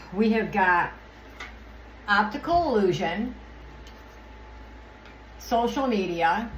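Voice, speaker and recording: A woman's voice: mid-range voice, animated, drawn-out words, pauses often. A young woman reading oracle cards in a loose, rambling vlog style. She swears freely and sounds irritated. Her voice bounces around an echoey room with a faint hum of ambience behind it. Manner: rambling, loses her train of thought. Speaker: oracle card reader. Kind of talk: casual spoken card reading vlog.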